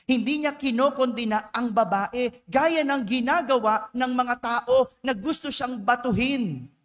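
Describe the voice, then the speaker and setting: Filipino priest preaching in reverberant church. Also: male voice, extremely high pitch, measured pace, fairly bright tone. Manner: playful, teasing rhetorical questions. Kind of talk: homily at Mass.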